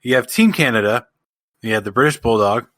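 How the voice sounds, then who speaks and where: Male podcast co-host, exasperated ranter, bright forceful tone, dry close mic. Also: mid-range voice, fairly quick, no room sound. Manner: animated, exasperated ranting with swearing. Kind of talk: casual podcast chat.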